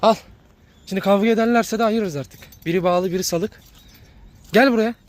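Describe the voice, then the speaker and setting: A man's voice: high voice, moderate pace. A man casually vlogging, talking to his dogs and viewers and repeating himself. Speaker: dog breeder vlogger.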